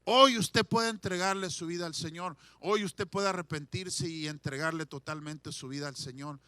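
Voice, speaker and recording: A male pastor preaching a sermon, swinging from shouted declarations to hushed pleading and leading the congregation in call-and-response. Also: fairly high pitch, normal speed, clear, resonant tone, dry recording.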